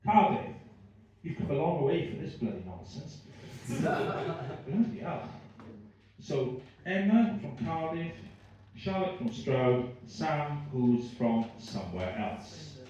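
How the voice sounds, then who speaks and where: A male stand-up comic with a Swansea accent, heard from a distance in a very reverberant room. His fairly high voice rises and falls freely as he rambles, swears and mocks himself while bantering with the crowd. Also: very animated, slow pace, dark tone, muffled recording, a little hiss or hum. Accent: Swansea Welsh. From Swansea, Wales. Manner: rambling, self-deprecating, sweary. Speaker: stand-up comedian. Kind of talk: stand-up comedy with audience banter. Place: live comedy venue with small audience. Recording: very echoey room, distant mic.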